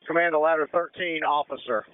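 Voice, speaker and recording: Male incident commander, high clean voice, brisk directive radio orders, narrow-band transmission. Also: fairly even intonation, clear, resonant tone. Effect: two-way radio. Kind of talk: emergency radio dispatch commands.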